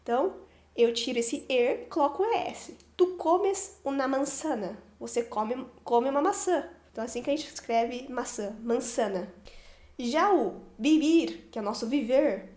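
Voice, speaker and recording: Brazilian woman, Portuguese native, Spanish teacher; high pitch, patient repetitive delivery, echoey room. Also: lively intonation, a little mellow. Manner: patient, repeats each form and ending slowly. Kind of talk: explaining grammar to learners.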